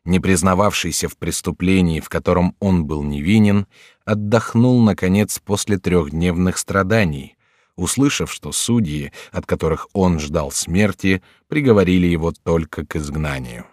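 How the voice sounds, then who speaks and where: Man, audiobook narrator, deep low voice, measured storytelling, dry close sound. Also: a little mellow, dry recording. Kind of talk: scripted narration of a classic novel.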